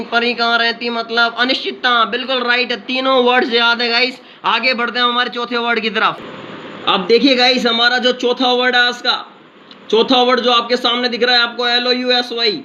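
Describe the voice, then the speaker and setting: A man teaching vocabulary in an energetic exam-prep lesson, chanting memory tricks in a sing-song way. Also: very high-pitched. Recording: slightly dull lo-fi sound with faint noise.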